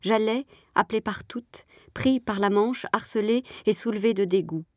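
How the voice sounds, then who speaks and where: A woman reading a literary story aloud in a measured, expressive way. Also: mid-range voice, no room sound, studio quality. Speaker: audiobook reader.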